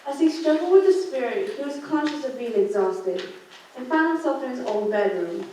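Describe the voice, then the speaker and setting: A teenage girl reads scripted storybook narration for a student radio play, her voice high-pitched, expressive and dark in tone at a moderate pace. She's indoors in a large school theater classroom, captured on a distant mic in an echoey room with background noise.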